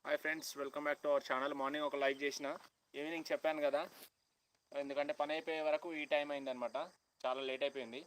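A young man from Telangana with a Telangana Telugu accent, chatting loudly with viewers on a phone live stream outdoors on a college campus, half-shouting and greeting people by name. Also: a little high, little pitch movement, fairly quick, smooth, poor audio. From Telangana, India. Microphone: phone held at hand, no external mic.

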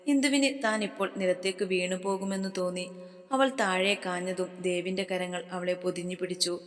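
A woman's voice: on the low side, steady tone, moderate pace, long reverb tail. A woman narrating a romantic story and reading every character's lines herself. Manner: reads all parts herself, dramatic.

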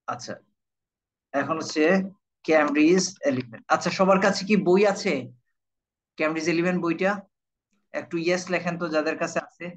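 A man's voice: on the high side, rough recording. A man from Bangladesh teaching an IELTS class live online, repeating key words and often checking whether his students follow. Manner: repetitive, keeps checking understanding with students.

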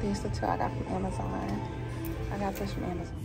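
Music plays behind this young woman, whose medium-pitched voice is very animated and fast. She's chatty and rambling, correcting herself often while she discusses her outfit and perfumes before filming herself up close on her phone in a gym locker room for a casual get-ready-with-me vlog.

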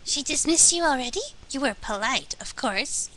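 A woman's voice: high-pitched, animated, normal speed, bright, forceful tone. A woman streaming a game and reading character dialogue aloud in a casual, earnest way, with game music behind her. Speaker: let's play streamer voicing game characters.

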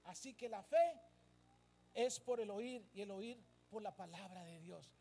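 High-voiced emphatic male pastor preaching. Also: unhurried, warm tone. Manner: emphatic, asks the congregation questions and repeats phrases. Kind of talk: sermon. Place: church service.

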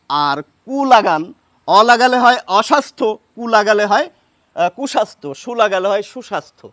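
A man teaching as he writes, patient and unhurried, pausing often with fillers. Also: sits high, fairly bright tone, no room sound. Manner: patient, with many pauses and fillers. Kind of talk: explaining Bengali pronunciation at a board.

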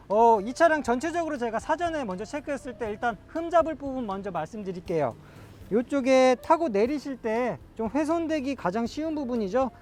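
Casting: male used car salesman, extremely high-pitched, slick and smooth sales patter. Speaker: used car dealer presenter. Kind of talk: car interior sales presentation.

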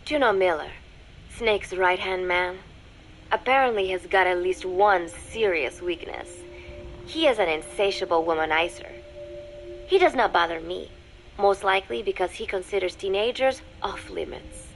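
A woman voicing a reserved teenage girl recording an audio diary for a game, speaking in a measured, formal way that drops softly toward a whisper. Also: medium pitch, a little hiss or hum, lightly acted, poor audio. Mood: reflective. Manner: measured, formal, quiet with soft whispered dips.

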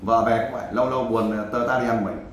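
A fast-talking man lectures bluntly and pushes over any reply. His voice sits at a middle pitch. He is recorded in a strongly echoing room with a faint hum of background noise. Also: steady tone. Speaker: volunteer advisor helping a man find his wife. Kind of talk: blunt advice session.

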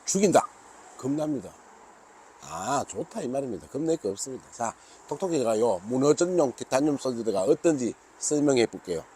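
A man's voice: mid-range voice, very animated, normal speed, dark tone, a little hiss or hum. Jokey older man with a Gyeongsang accent. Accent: Gyeongsang Korean. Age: 60s. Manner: jokey, calls himself by nickname, bantering with himself. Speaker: fishing rod maker and seller. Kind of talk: casual product talk to camera.

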